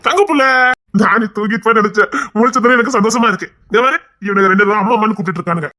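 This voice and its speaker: A man voicing a brisk, bright elder brother. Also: sits high, faint music behind. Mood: insistent. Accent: Kanyakumari Tamil. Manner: brisk, insistent, calls out. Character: caring bossy elder brother. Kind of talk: cartoon web series voice acting.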